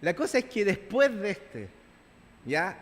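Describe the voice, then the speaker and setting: A man's voice: sits high, big pitch swings, a little slow. A man with a Chilean accent preaching a conversational sermon to his congregation, often checking in with them and acting out scenes. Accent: Chilean Spanish. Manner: acts out biblical dialogue in playful voices. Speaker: pastor. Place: church. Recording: long reverb of a church hall.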